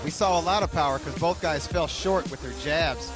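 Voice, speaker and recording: A man's voice: fairly high pitch, moderate pace, over music. A man giving live sports analysis as a boxing commentator.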